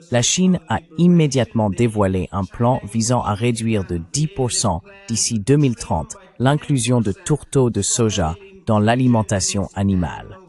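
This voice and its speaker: In a lowish, slightly mellow voice, a man delivers formal, teaching-style political and economic analysis from a script.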